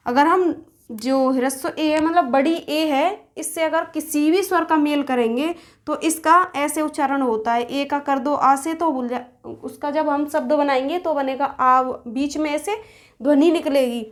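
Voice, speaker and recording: A woman with a high, light voice teaches a grammar lesson in a patient, steady way. She comes back to each point and says it again in other words. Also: unhurried. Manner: patient, repeats and rephrases points.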